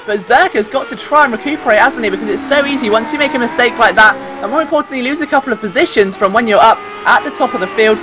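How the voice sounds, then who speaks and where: A male motorsport commentator with a high voice delivers live race commentary. He talks rapidly, with clear vehicle noise behind him.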